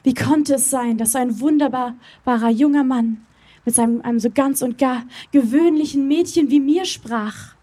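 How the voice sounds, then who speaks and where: A woman reads her own story aloud, slow and dreamy, pausing often between phrases. Her voice is mellow and breathy, sitting a bit high for a woman. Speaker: reader at a public reading.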